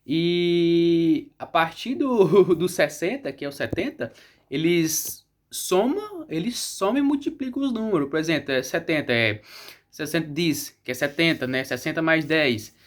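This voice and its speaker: Chatty Brazilian man, slightly high voice. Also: expressive, measured pace. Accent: Brazilian Portuguese. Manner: chatty, rambling, frequent "né?" tag questions. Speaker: vlogger. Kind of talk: casual chat.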